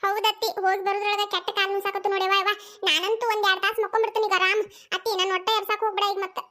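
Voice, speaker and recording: A woman's voice: very high-pitched, flat delivery, pushed and bright. A woman voicing a tired young village daughter-in-law in a cartoon, complaining in a North Karnataka accent. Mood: weary. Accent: North Karnataka Kannada. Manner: complaining, quick retorts.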